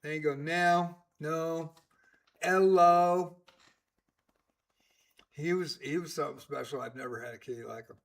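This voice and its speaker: A man's voice: medium pitch, very fast, vocal fry, few pauses. A man in his sixties giving casual live-stream chess commentary, chatty and rambling with many fillers. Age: 60s.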